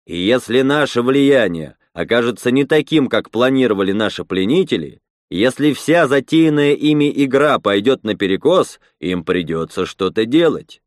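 A man reading a story, voicing a male leader who gives a deliberate, measured speech. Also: mid-range voice, animated, dry recording, clean studio sound, close to an everyday voice. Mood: grave. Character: male rebel leader Roman, grave measured orator.

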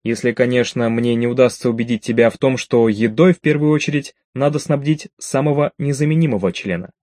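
A man's voice: mid-range voice, fairly quick, darkish tone, no room sound, close to an everyday voice. A male narrator voicing a fussy, precise female alien who speaks in stiff formal sentences and looks down a little on her companion. The sound is dry and close, with no room around it. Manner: formal, exact and lightly haughty.

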